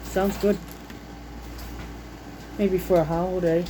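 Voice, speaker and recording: A vlogger in her home reads recipes from a book in a relaxed, unscripted, folksy way, musing to herself as she browses. Her voice is lowish and level in tone, her pace slow, and the background is noisy.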